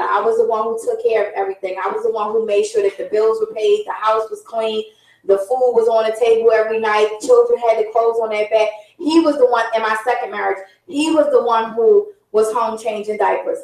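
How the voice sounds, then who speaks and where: A woman's voice: on the high side, reverberant, far from the mic, low-quality recording. A middle-aged woman hosting a talk show, talking earnestly and confidingly in a casual monologue, often circling back and repeating herself.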